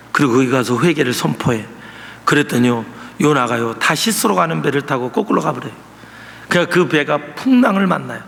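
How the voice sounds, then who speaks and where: Male pastor, high bright gravelly voice, emphatic sermon delivery, long church reverb. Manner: emphatic, asks the congregation rhetorical questions. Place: church sanctuary. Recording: echoey church hall.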